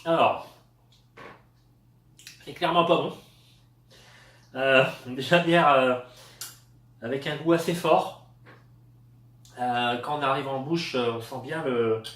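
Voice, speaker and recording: A man from France reviewing cheap store products in a casual, hesitant way, with lots of fillers. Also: fairly high pitch. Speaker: product tester. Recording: echoey room, voice a bit far from the mic.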